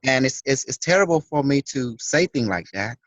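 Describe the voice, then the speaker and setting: A man's voice: medium pitch, lively intonation, normal speed, fairly bright tone, no echo, poor audio. Blunt man. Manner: blunt, matter-of-fact. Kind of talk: casual talk.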